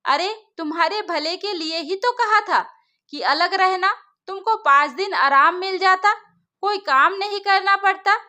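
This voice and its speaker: A woman's voice: very high voice, expressive, unhurried, sharp tone, heavily acted. A woman voicing a stern, traditional older mother-in-law who scolds her daughter-in-law in a storybook. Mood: huffy.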